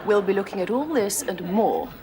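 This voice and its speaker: A woman's voice: medium pitch, big pitch swings, normal speed, lightly acted. A woman playing a TV news presenter, delivering scripted mock headlines in a comedy show. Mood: mock serious. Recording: very noisy TV studio recording.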